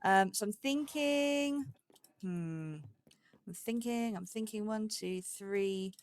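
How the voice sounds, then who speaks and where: Hosting a let's play, a woman offers casual commentary at a slow pace and mid-range pitch. She thinks out loud in short, broken phrases, chatting playfully to herself.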